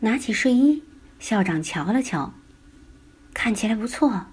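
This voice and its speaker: Slow, husky woman telling children's stories. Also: fairly high pitch, expressive, darkish tone, rough recording. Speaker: children's storyteller. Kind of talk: bedtime story narration.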